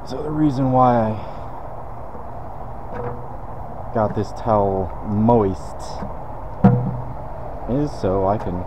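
A man's voice: fairly low pitch, extremely slow, pauses often, noisy background. A man, casually explaining a car detailing task as he works. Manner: laid-back, talks while working. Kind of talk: casual how-to demonstration. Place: detailing shop.

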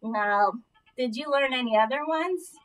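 A woman's voice: high-pitched, animated, measured pace, pushed and bright. A middle-aged woman doing stage comedy patter as a ventriloquist's straight partner, patiently asking questions like a teacher. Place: indoor painted playroom, far camera. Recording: distant microphone in a room.

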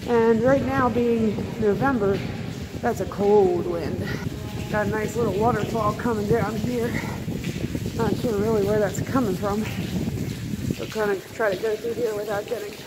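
A woman's voice: medium pitch, steady tone, measured pace. Chatty woman vlogging in a tunnel. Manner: chatty, addresses viewers directly. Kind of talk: casual vlog narration. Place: abandoned tunnel, indoors. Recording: echoey tunnel, noisy camera audio.

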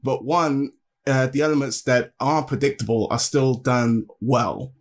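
A man giving an enthusiastic, halting film review on a podcast. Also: medium pitch, fairly even intonation. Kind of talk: casual film review chat.

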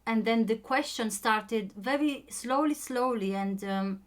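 A woman's voice: a little high, a little slow. A young woman with a Romanian accent, a native Romanian speaker telling her own story in a casual chat, hesitant and full of ums and restarts.

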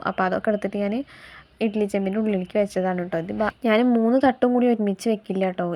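A woman with a slight head cold talks quickly through her morning routine in a chatty, homely vlog. She explains every little step as she goes, keeping a mid-range voice and an easy, friendly flow. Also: mid-range voice, a little mellow. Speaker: vlogger and homemaker. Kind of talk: casual day-in-my-life narration while cooking.

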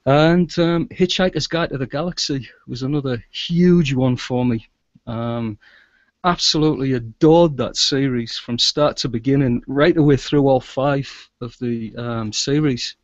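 A middle-aged man, an audio drama producer and sound engineer, chats casually as an interview guest over a video call from a small indoor room with shelves. His medium-pitched voice moves at a measured pace, with no echo but the highs cut off.

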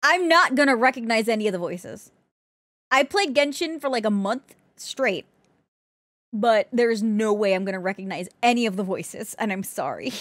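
A woman reacting on a livestream as a cute anime streamer, excitable and exclamatory, often swearing. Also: on the high side, moderate pace, no echo. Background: music and played video clips.

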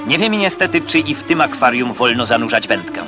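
A man's voice: mid-range voice, big pitch swings, fast talker. Man narrating an old 1960s newsreel. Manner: crisp, declamatory, occasionally wry. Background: music.

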